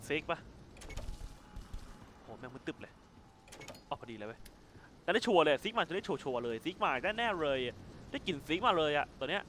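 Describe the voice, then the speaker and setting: A man giving casual let's-play commentary as a gaming YouTuber, excitable, swearing casually and laughing often. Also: fairly high pitch, fairly quick, pauses often, a little hiss or hum. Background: faint music.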